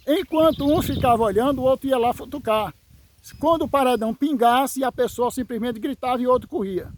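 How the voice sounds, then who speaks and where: A man giving a dramatic testimony, emphatic, repeating phrases with dramatic pauses. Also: very high-pitched, a little mellow, a little hiss or hum. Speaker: evangelical brother giving a testimony.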